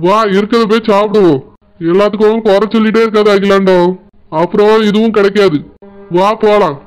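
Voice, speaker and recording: A man playing an older village father-in-law with a Tirunelveli Tamil accent, soothing his wife in a quick, smooth, clear voice for a cartoon. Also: high-pitched, steady tone, soft background music, close to an everyday voice, rough recording. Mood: placating. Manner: soothing, placating.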